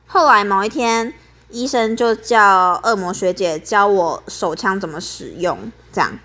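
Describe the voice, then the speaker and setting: A woman's voice: mid-range voice, a little slow, bright, forceful tone. A young woman, telling a story as a podcast host in a chatty, aggrieved way.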